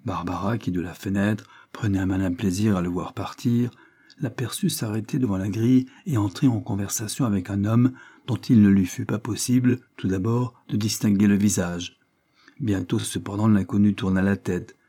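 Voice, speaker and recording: A male audiobook narrator reading a classic novel in a measured, even way. His voice is low, warm and dark, with a husky grain. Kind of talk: scripted narration.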